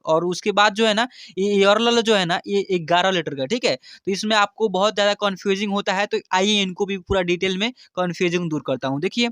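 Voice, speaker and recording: A man teaching Hindi in an online lesson, loudly sounding out each letter and often repeating stock filler phrases. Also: sits high, clean tone, no echo, studio quality. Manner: repeats filler phrases, loud drilled syllables.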